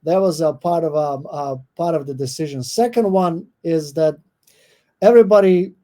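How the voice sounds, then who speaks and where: A middle-aged Croatian man speaks in a dark, mellow voice, pitched a little high. He answers interview questions thoughtfully, often pausing with "um" and restarting his sentences. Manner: thoughtful, with many fillers and restarts. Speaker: guest professor. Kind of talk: podcast interview.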